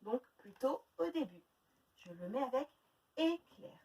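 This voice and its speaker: A high, very lively woman teacher from France leads young children through a phonics lesson. She talks slowly and stretches each word into exaggerated syllables. Her voice sits a little back from the mic, with faint noise behind it. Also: far from the mic, low-quality recording. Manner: slow, exaggerated syllable-by-syllable pronunciation.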